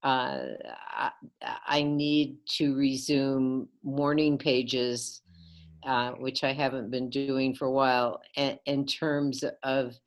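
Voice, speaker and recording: A middle-aged woman, an astrologer, speaking in a slow, halting, thoughtful way. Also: rumbling low, level tone. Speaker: astrologer co-host. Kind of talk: casual conversation.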